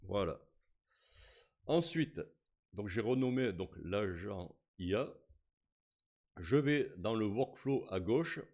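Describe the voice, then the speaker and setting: A man, casually talking through a software tutorial step by step, with frequent fillers as he clicks. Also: fairly low pitch, lively intonation, slow pace, long pauses. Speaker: tutorial host. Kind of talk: screen-recorded software tutorial.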